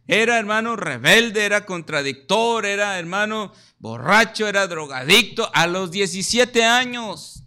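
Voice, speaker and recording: A man's voice: sits high, lively intonation, measured pace, few pauses, pushed and bright, smooth. A man preaching a sermon, emphatic, often calling listeners "brother" and acting out little scenes. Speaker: pastor.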